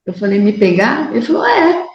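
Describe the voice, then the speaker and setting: A woman from Brazil giving a talk at a club meeting, telling a personal story and acting out the dialogue in a raised, animated voice. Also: on the high side, a little fast, echoey room, lo-fi sound, a little hiss or hum. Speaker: guest speaker. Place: meeting room.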